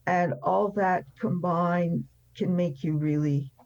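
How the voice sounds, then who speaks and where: Speaking slowly in a creaky, darkish, fairly low voice, this woman from France, aged 70 or older, shares her personal history as an interview guest and recovery speaker. Her delivery is forthright and forceful. There's no room sound, though the audio is a little dull and narrow in range.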